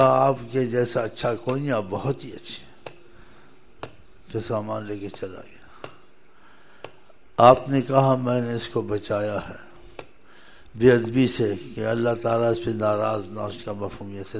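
Male preacher, gravelly voice, folksy storytelling sermon, faint hiss behind. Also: lowish voice. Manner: folksy, chuckling, rises to emphatic exhortation.

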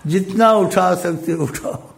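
A man's voice: high voice, vocal fry, mellow, pitched above the performer's own voice. A man voicing a generous man who gladly offers his wealth, in an eager, exclaiming way.

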